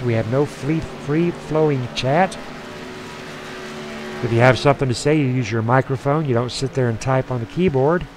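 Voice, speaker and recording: A man's voice: medium pitch, noisy background. A man doing folksy, chatty play-by-play commentary for an online sim truck race, with asides between the calls. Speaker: sim racing announcer.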